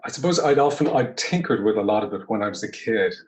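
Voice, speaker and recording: An actor in his forties from Cork appears as a guest in a casual interview over video call, his Irish accent softened by years in London. Speaking low, fast, and expressively, he looks back on his career in a reflective, easygoing way, dropping in plenty of "I suppose" asides.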